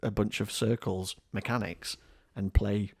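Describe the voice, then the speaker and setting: A man with a lowish voice talks casually on a board game podcast, wandering through his points and cracking wry jokes. The sound is dry and close to the mic, with no room around it. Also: fairly even intonation, unhurried, creaky, darkish tone, breathy edge, no room sound. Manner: chatty, rambling, laughs often, wry joking. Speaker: podcast co-host. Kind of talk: casual chat.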